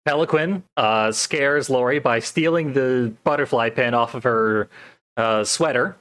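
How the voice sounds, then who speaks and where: Man, podcast co-host, casual film recap, dry wit, steady storytelling. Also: mid-range voice, unhurried. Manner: dry, wry remarks; recaps plot in a steady telling.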